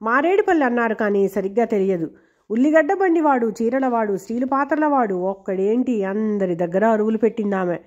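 A woman reading a novel aloud in a steady, expressive storytelling voice. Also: a little high, brisk. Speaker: audiobook reader. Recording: dull lo-fi recording.

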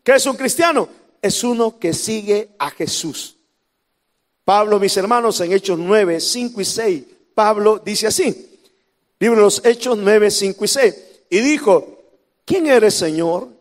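High-voiced Salvadoran pastor preaching. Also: male voice, animated, measured pace, long reverb tail. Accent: Salvadoran Spanish. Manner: preaching with sudden shouts and drops to near whispers; humorous asides to the congregation. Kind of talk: sermon.

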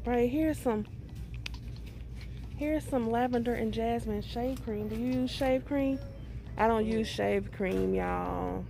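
Her voice fairly high, slow, creaky, and warm, a middle-aged vlogger walks a store aisle with a handheld phone. It's a chatty shop-with-me clip in which she talks casually to viewers and calls them "y'all."

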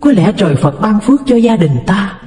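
A man voicing a frail, devout sick wife who speaks in a soft, pleading storybook voice. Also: high-pitched, big pitch swings, brisk. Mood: hopeful, devout. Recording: echoey, reverberant room.

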